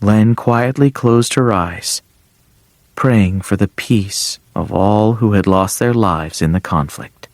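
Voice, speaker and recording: A man narrating an audiobook in a calm storytelling way. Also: fairly low pitch, slow pace, no echo.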